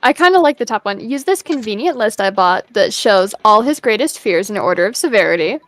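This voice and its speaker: A woman's voice: medium pitch, expressive, brisk, no echo. A young woman playing a video game with a friend, reacting expressively, swearing casually, and reading out game text. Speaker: gamer.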